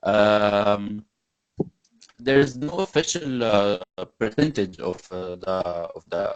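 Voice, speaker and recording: A young man from Egypt, giving a halting webinar presentation full of fillers and restarts over a video call. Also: fairly low pitch, poor audio. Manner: hesitant, many fillers and restarts. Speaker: webinar panelist. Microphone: video call mic.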